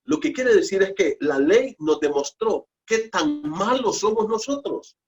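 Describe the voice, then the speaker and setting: Man, pastor, preaching a sermon, higher voice, very lively pitch, emphatic repetition. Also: measured pace, soft background music. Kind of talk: sermon at a Bible study.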